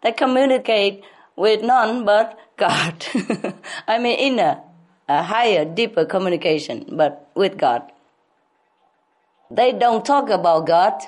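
A woman spiritual teacher answering questions at a public talk, speaking slowly with repetition and frequent laughter. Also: mid-range voice, expressive. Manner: slow, repetitive, laughs often.

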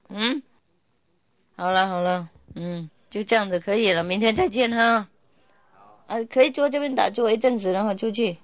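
A woman spiritual teacher giving a relaxed, playful talk to her students and telling stories, laughing often. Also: medium pitch, no echo. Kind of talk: casual spiritual talk with storytelling.

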